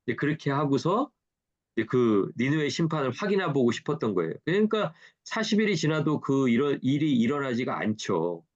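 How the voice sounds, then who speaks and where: A man's voice: medium pitch, sing-song, brisk, muffled recording. A man, a pastor, teaching a Bible study in a conversational way, asking rhetorical questions and acting out quoted dialogue.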